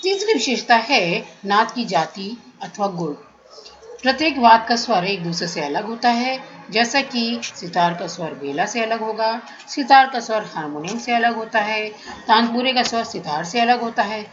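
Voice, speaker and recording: A woman teaching a music theory class, explaining terms step by step in a measured lecture. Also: fairly high pitch, lively intonation, muffled recording.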